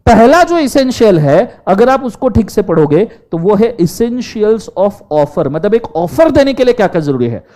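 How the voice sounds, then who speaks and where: A man's voice: high voice, unhurried, few pauses. A man teaching law in a classroom lecture, mixing Hindi and English and often asking the class to answer aloud. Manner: animated, quizzes the class in Hindi mixed with English.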